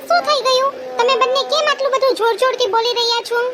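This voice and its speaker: A woman's voice: very high-pitched, steady tone, fast, pitched above the performer's own voice. A woman voicing an earnest, worried little daughter in a cartoon, reproachful toward her parents. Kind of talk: cartoon voice acting. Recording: noisy background hiss.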